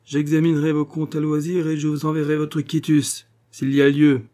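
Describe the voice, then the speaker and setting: A man's voice: lowish voice, expressive, moderate pace, dark tone, breathy edge. A man voicing a cold, sarcastic small-town notary in an audiobook, speaking in an icy, cutting, ironic tone. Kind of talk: audiobook character reading.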